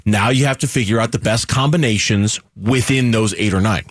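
A man's voice: fairly low pitch, fairly quick, dry recording, studio quality. Emphatic male sports radio co-host. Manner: emphatic, repeats himself, many restarts. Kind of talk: sports talk radio chat.

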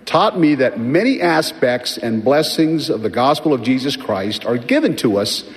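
An older man from Tonga giving a formal sermon as a church leader, speaking in a measured, earnest and gently humorous way. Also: mid-range voice, lively intonation. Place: large conference hall with leaders seated behind. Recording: long reverb of a large hall.

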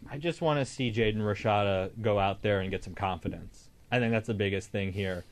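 A man's voice: lowish voice, brisk. A man with an American accent hosting a casual sports talk show. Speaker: sports podcast host.

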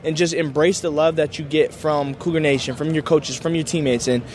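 A man's voice: fairly high pitch, fairly even intonation, fairly quick, a little mellow, a little hiss or hum. A young man, a college football player, answering media day questions in an enthusiastic, grateful, casual way with lots of filler words. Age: young adult.

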